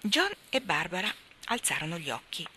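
A woman reading a children's story aloud in an expressive, melodic way. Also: fairly low pitch, normal speed, slightly rough. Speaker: reader.

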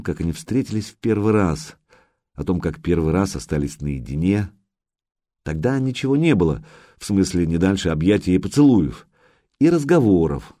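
A man narrating an audiobook, telling the story expressively with dramatic pauses. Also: low-pitched, dark tone, no room sound, clean studio sound.

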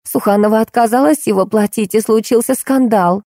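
A woman voicing an emotional young mother who speaks in a high, drawn-out, pleading way. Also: dark tone, no room sound, clean studio sound, close to an everyday voice. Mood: defensive.

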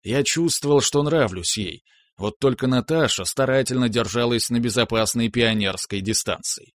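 A man reading a first-person story aloud in a measured, wry storytelling manner. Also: medium pitch, no echo. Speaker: audiobook narrator. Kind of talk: scripted first-person narration.

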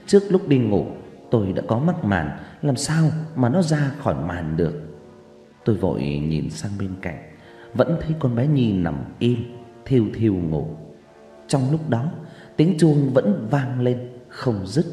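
A man narrating a horror story in a suspenseful, drawn-out delivery with dramatic pauses. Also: fairly low pitch, warm tone. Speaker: audiobook narrator. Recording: echoey reverb with background music.

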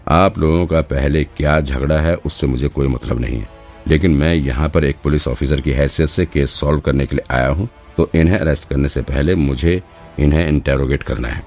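A man voicing a calm, authoritative male detective in an audiobook. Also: rumbling low, normal speed, faint music behind. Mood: firm.

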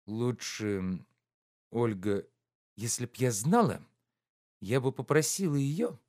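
A man's voice: medium pitch, slow pace. A man reading aloud and voicing a carefree, teasing young woman in an audiobook. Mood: playful. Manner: lively, teasing, coaxing.

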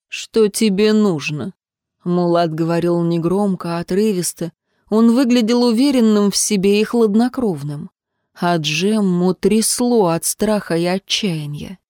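A woman narrating a romance novel as an audiobook, in an expressive, dramatic reading. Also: mid-range voice, no echo, clean studio sound.

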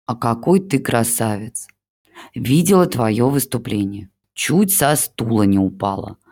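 Playing an older mother in an audiobook, the reader uses a mid-range, slightly rough voice at a somewhat slow pace. The character is melodramatic, casting herself as a pitiful old woman while lavishing theatrical flattery on her son-in-law.

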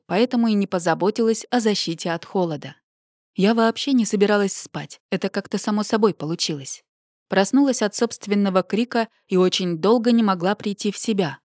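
A woman narrating a first-person audiobook with an expressive, emotional reading. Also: medium pitch, no echo, clean studio sound.

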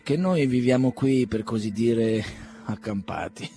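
A man's voice: mid-range voice, a little slow, warm tone, slight background noise, lightly acted. A man voicing an elderly country doctor and father who is humble, fussy and eager to please. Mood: fussing. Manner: apologetic, eager to please, ceremonious.

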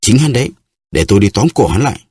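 A man's voice: sits low, animated, fairly quick, a little mellow, no room sound, clean studio sound. A man reading an audiobook, voicing a hot-headed young male musketeer who speaks with urgency. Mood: furious. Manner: impassioned, urgent.

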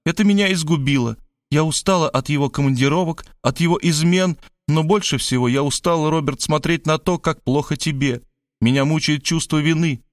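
A man performs a doting, dramatic middle-aged woman for an audiobook, pleading in high-pitched, gushing, pathetic exclamations. His pace is fairly quick and his voice stays close to an everyday one. The studio recording is clean, with no echo.

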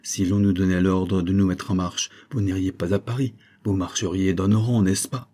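A man's voice: low-pitched, fairly even intonation, moderate pace, mellow. A man voicing an earnest older uncle in an audiobook, insistent and pleading.

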